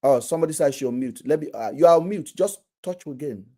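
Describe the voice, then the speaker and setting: Animated man hosting a live stream. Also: a little high, a little fast. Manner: animated, repeats and restarts words. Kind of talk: casual live stream commentary.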